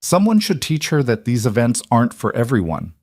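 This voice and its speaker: A man's voice: wildly swooping pitch, brisk, a little mellow, no room sound, clean studio sound. A man voicing a haughty wealthy woman in her late fifties, icy and indignant, in a dramatized audiobook story. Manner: icy, indignant, shrill when angry.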